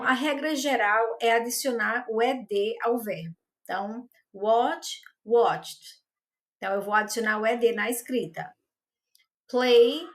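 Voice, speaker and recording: A woman teacher explaining English grammar rules, patient and methodical, repeating her examples slowly. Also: fairly high pitch.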